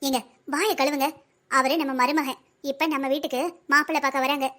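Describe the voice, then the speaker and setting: A woman voicing a fussy older wife, high and quick. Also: little pitch movement, bright, forceful tone. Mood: pleading. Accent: South Tamil Nadu. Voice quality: pleading, busy, bossy. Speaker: voice actor in a family cartoon. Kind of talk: cartoon family comedy acting.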